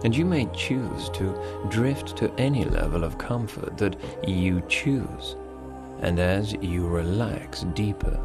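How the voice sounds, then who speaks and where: A man leads a hypnosis session in a calm, unhurried voice that sits a little low. He repeats gentle suggestions to relax and go deeper, drawing each phrase out. Soft music plays faintly underneath. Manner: slow, soothing, repetitive suggestions.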